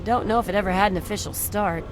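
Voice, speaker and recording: An actress voices a hard, surly female barkeep in a video game. She is brusque and combative at a middle pitch, with clear ambient noise behind her. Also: quick pace, close to an everyday voice. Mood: irritated, scornful. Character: surly, foul-mouthed woman bar owner.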